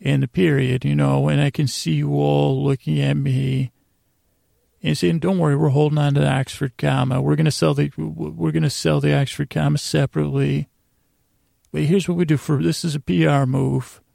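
A man hosts a bedtime sleep podcast, his fairly high, creaky and gravelly voice wandering through a halting monologue. He trails off and circles back, spinning deadpan goofy nonsense. The clean studio recording has no echo.

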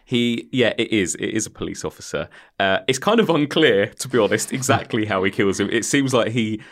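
A man's voice: on the low side, lively intonation, brisk. A man hosting a casual film discussion, retelling scenes in a conversational way. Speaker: podcast host, quizmaster.

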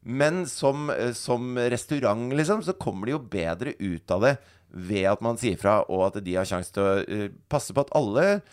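A man's voice: mid-range voice, expressive, few pauses, clean tone. A man, co-hosting a podcast, telling stories in casual chatty banter. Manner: storytelling, chatty, uses fillers like "liksom". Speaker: podcast co-host.

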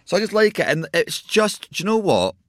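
A man's voice: high voice, sing-song, brisk, no room sound, clean studio sound. A man co-hosting a podcast, rambling enthusiastically in casual chat. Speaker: podcast co-host.

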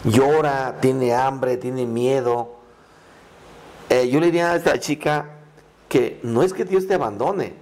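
A man's voice: medium pitch, takes it slowly, a little mellow. A middle-aged male priest speaking earnestly in a conversational interview, telling his story with frequent restarts. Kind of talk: conversational podcast testimony.

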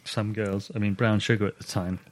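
Low-voiced thoughtful man. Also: little pitch movement, fairly quick. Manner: thoughtful, analytical, steers back to the topic. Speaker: podcast co-host. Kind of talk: casual music review chat.

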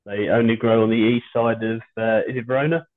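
A British man hosts a podcast in a casual chat, his voice thin, narrow, steady and fairly quick. He hesitates and rambles with dry humour, coming through a low-quality stream, apparently on a video call from home without his usual microphone.

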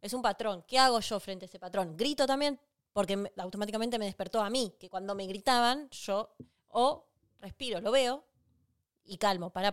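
A woman's voice: medium pitch, dry recording, clean studio sound. A woman with an Argentine accent co-hosting a podcast, explaining relationship ideas emphatically and acting out little quoted exchanges. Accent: Rioplatense Spanish. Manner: animated, emphatic, acts out quoted lines. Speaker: podcast co-host. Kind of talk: casual relationship advice chat.

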